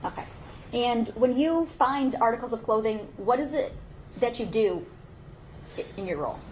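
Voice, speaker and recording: Brief: female attorney on a courtroom recording, slightly high voice, formal questioning, faint background hum. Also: lively intonation, a little mellow, rough recording. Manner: measured, formal questions with frequent "okay". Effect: played from a courtroom recording.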